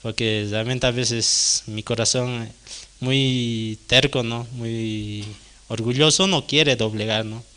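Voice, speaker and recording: A man's voice: medium pitch, steady tone, slow, bright, forceful tone, smooth. A young man giving a personal testimony at a prayer service, hesitant and tagging nearly every phrase with a question. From Bolivia. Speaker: church member giving testimony.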